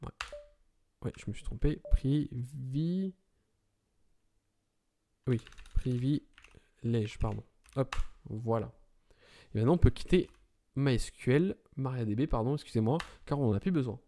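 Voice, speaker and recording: A man's voice: mid-range voice, expressive, unhurried, pauses often, warm tone, slight background noise. A man talking through a computer setup tutorial step by step, correcting small slips as he goes. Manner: talks through commands step by step, with self-corrections. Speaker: tutorial presenter. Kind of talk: screen-recorded IT tutorial.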